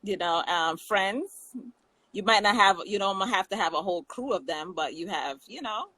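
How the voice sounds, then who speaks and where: A woman's voice: medium pitch, expressive, moderate pace, sharp tone, dry recording, poor audio. Jamaican woman co-host, easy banter, frequent laughs, dead-dry sound. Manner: chatty, laughs often, many restarts. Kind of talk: casual chat.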